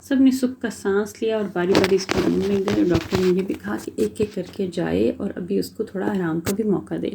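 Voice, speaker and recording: Mellow-voiced woman reading a novel. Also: mid-range voice, slight background noise. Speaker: storyteller. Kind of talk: reading a romance novel aloud.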